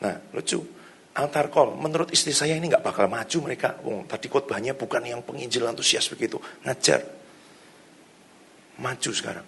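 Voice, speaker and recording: A man's voice: medium pitch, fairly quick, gravelly, a bit bright, husky. A middle-aged man, a pastor preaching a sermon, telling stories in a loose conversational way and laughing often. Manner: conversational storytelling, laughs often, javanese-flavoured casual indonesian. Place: church hall.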